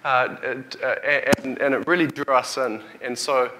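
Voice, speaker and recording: A man in his thirties with a broad Kiwi accent speaks in a bright, forward voice at a medium pitch. He is delivering a keynote to a conference audience as a chief executive. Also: steady tone, normal speed, a little hiss or hum, rough recording. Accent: New Zealand. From New Zealand. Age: 30s. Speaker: company CEO, conference speaker. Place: hotel conference hall, on stage before an audience. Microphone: lapel or headset mic.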